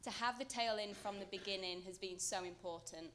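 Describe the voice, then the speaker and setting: A woman's voice: medium pitch, fairly quick, a bit bright, slight background noise. A female ballet dancer answering a question in a chatty, slightly hesitant way in a rehearsal studio. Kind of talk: conversational Q&A answer.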